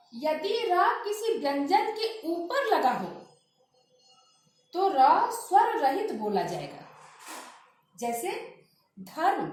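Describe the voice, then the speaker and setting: A woman teaching a grammar lesson, slowly drilling pronunciation by repeating example words. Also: high-pitched. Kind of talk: classroom lesson with spoken examples. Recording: very echoey room.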